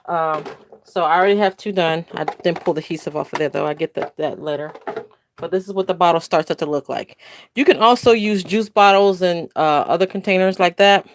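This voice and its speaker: A woman's voice: lowish voice, brisk, a little hiss or hum. An older woman hosting a casual crafting livestream from home, chatting in a rambling, self-correcting way. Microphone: phone camera.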